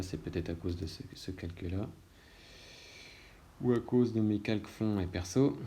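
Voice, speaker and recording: A man, an illustrator talking through a screen-recorded software tutorial in a relaxed way, thinking aloud with frequent hesitations. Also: sits low.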